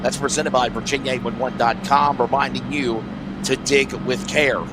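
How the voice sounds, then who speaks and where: A play-by-play commentator, hoarse from allergies, calls a sim racing broadcast in a medium-pitched, steady voice. He rattles through the race order quickly while noisy track sound plays behind him.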